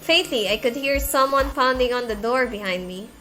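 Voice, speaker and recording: A woman's voice: fairly high pitch, normal speed, music in the background. A woman streamer reading a visual novel aloud, with chatty asides in between.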